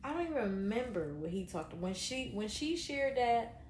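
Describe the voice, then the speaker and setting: A woman's voice: on the high side, big pitch swings, normal speed, a little mellow, roomy sound, slight background noise. A woman giving a casual reaction review of a reality show, talking bluntly with lots of fillers and some swearing. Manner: rambling, filler-heavy, blunt and profane.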